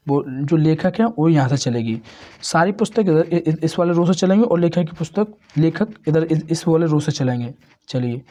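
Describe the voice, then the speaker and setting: A man's voice: fairly high pitch, warm tone. A man giving an exam-prep lesson as a tutor, repeating each answer and often calling the listeners friends.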